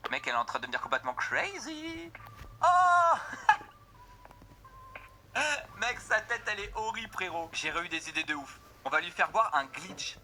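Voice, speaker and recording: An excitable young man commenting on a game he is playing and talking straight to his viewers. His voice sits a bit high and sounds very bright and sharp. His delivery is playful and jokey. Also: slight background noise. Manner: excitable, jokey, addresses viewers as "les gars". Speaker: gaming video creator. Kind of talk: casual gameplay commentary.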